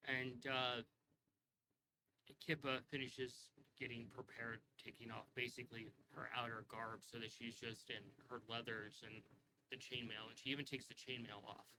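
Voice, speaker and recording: A man narrating a tabletop game as game master, relaxed and rambling with frequent fillers. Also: mid-range voice, normal speed, noisy background.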